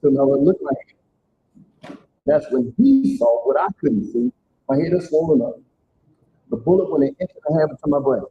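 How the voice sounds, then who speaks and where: At a church community event, a middle-aged man shares his personal story with the crowd, emphatic and plain-spoken. He talks at normal speed in a sing-song manner with long pauses, and the audio has a tinny, phone-like quality and a faint rumble underneath.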